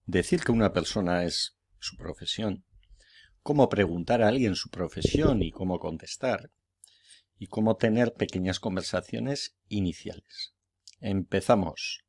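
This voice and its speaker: A man teaching a language lesson, patiently repeating each phrase twice and encouraging learners to say it with him. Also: deep voice. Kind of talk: slow, deliberate language lesson.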